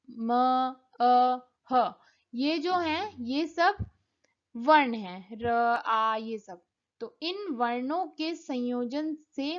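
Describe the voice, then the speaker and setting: A woman walks students through a Sanskrit lesson at a very slow, deliberate pace, spelling words out sound by sound. Her voice sits a little high. The recording is dull and lo-fi. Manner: spells words out letter by letter, gives Hindi and English meanings. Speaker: Sanskrit teacher. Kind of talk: slow, explanatory classroom lesson.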